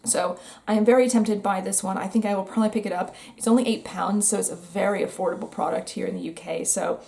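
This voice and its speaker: A woman's voice: medium pitch, fairly even intonation, fast, creaky, a little mellow. A young American woman chatting casually and candidly about new makeup releases, with wry asides. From United States. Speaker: beauty vlogger. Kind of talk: casual makeup review chat.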